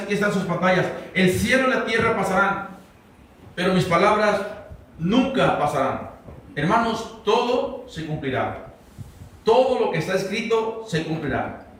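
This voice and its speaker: Male pastor, high voice, conversational Bible teacher, heard from afar in a booming church hall. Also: fairly bright tone. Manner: conversational, quizzes the congregation. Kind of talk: verse-by-verse Bible teaching sermon. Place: church sanctuary. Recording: very echoey hall, mic far off.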